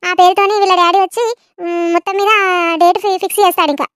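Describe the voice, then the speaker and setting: A woman's voice: extremely high pitch, little pitch movement, quick pace, a bit bright, no room sound, clean studio sound. A woman playing a polite village mother. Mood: courteous. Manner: respectful, hospitable.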